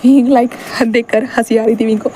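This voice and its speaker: A woman's voice: on the high side, little pitch movement, moderate pace, mellow, a little hiss or hum, poor audio. A woman telling a fan fiction story in a casual, chatty way, mixing in English words and briefly acting out the dialogue.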